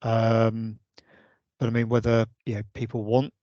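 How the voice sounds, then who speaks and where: A man's voice: on the low side, completely flat delivery, measured pace, mellow, no room sound, muffled recording. A man on an online meeting call, suggesting ideas in a hesitant way with many restarts. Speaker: vice chair of a users' group meeting. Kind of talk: casual online meeting discussion. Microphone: video call.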